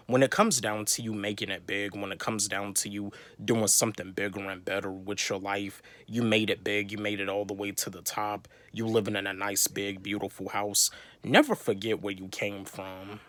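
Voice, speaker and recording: Young rambling motivational vlogger, low voice. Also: male voice, fairly bright tone, no room sound. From North Carolina, USA. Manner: rambling, repetitive, many fillers and restarts. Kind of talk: motivational talk to camera.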